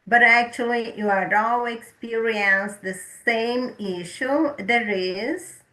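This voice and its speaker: A woman hosts a spiritual talk show, speaking gently and unhurriedly and occasionally stumbling over her words. Her bright voice sits a little high and rings out in an echoey room.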